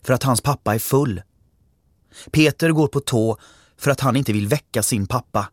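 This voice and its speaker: A man's voice: medium pitch, no room sound, clean studio sound, pitched above the performer's own voice, close to an everyday voice. A man voicing a serious young schoolgirl in a read-aloud story, his own voice only lightly raised.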